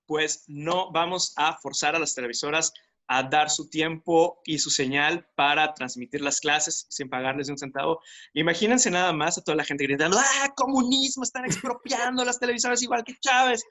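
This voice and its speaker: A man with a Mexican accent talks through a discussion podcast, weighing ideas aloud in a reflective, critical way. His voice sits a little high and sounds bright and forward. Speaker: podcast co-host.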